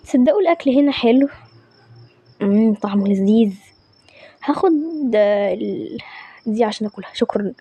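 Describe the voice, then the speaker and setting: A woman with an Egyptian accent telling a story in lively, conversational character voices. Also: mid-range voice, brisk, pauses often, slightly rough, dry recording, dull audio. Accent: Egyptian Arabic.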